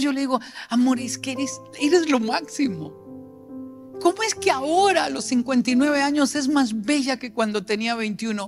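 A man in his sixties preaching a sermon with passion, swinging between loud emphasis and near-whispered lines. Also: extremely high pitch. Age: 60s.

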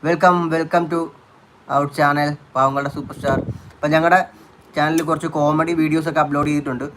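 A man's voice: on the high side, little pitch movement, a little fast, background noise. A man hosting a casual home live stream, chatty and repetitive, greeting viewers and coaxing a child to speak.

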